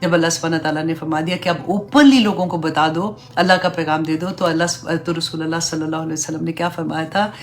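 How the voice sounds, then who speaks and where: Teaching an Islamic class, this woman recites Arabic prayer phrases slowly before explaining each in an earnest, conversational manner sprinkled with English fillers. Her voice sits low and her tone stays steady, with slight background noise behind her.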